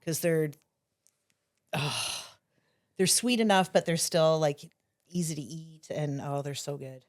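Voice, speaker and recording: Woman, bakery owner, low voice, animated and gushing, dry close sound. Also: slow, no room sound. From Ontario, Canada. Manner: animated, gushing, laughs easily. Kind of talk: casual chat.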